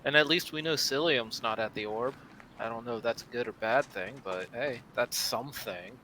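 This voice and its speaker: Bright-voiced male player. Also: medium pitch, normal speed, slight background noise. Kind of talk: casual tabletop game chat.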